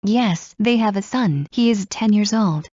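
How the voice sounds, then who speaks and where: A woman reading scripted English practice dialogues in a slow, clear drill delivery. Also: mid-range voice, dark tone. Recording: muffled lo-fi recording.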